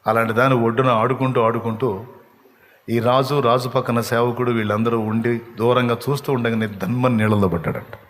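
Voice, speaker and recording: A man preaching a sermon, impassioned, climbing to emotional peaks and then dropping to a soft voice. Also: medium pitch, slight background noise. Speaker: pastor. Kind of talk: Telugu sermon with told stories. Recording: long hall reverb.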